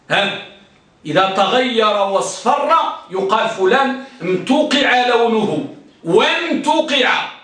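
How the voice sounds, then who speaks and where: A man's voice: high voice, sharp tone. A man teaching an Arabic grammar lesson, explaining words, repeating them and asking the class questions. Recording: echoey room, voice from far off.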